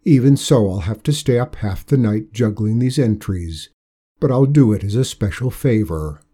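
A man plays Death as a weary, fussy bureaucrat who speaks low and in an officious, measured way. The voice sits deep, with a dark, husky tone. Faint music plays under this storybook reading. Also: lively intonation. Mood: bargaining.

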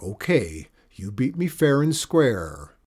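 A man's voice: medium pitch, sing-song, slow, a little mellow, breathy edge, heavily acted. A man reading a storybook aloud, voicing a pompous, blustering male evil enchanter with an indignant manner.

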